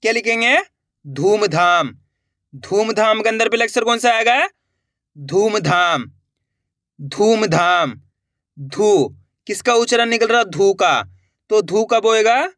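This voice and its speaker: A man with a high-pitched, lively voice teaches Hindi writing, spelling out words letter by letter at a slow pace with frequent pauses. He repeats each word and answers his own questions. The tone is a bit bright, and the recording is dry and studio quality.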